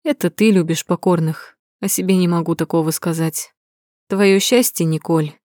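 A woman's voice: on the low side, normal speed, darkish tone, dry recording, studio quality, close to an everyday voice. A woman voicing a haughty, mocking male vampire lord in an audiobook, with a sneering drawl.

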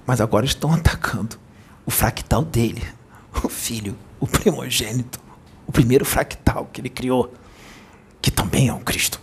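A man's voice: mid-range voice, normal speed, a little hiss or hum. A man speaking as a spiritual medium, giving a channeled sermon in an admonishing tone and asking many rhetorical questions.

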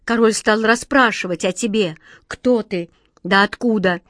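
A woman's voice: medium pitch, a little slow, a bit bright, no room sound, studio quality, lightly acted. A woman voicing a huge, sobbing, remorseful genie. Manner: sobbing, pleading.

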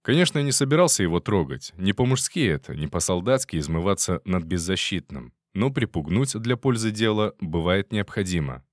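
A man narrating a first-person audiobook in a steady, tense storytelling manner. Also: sits low, brisk, few pauses, no room sound, clean studio sound.

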